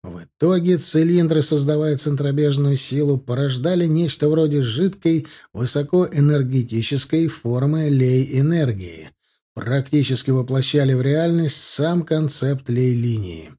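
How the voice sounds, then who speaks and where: A man narrating a fantasy audiobook in a steady, measured reading style. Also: mid-range voice. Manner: steady, measured reading of dense technical prose. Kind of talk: scripted narration.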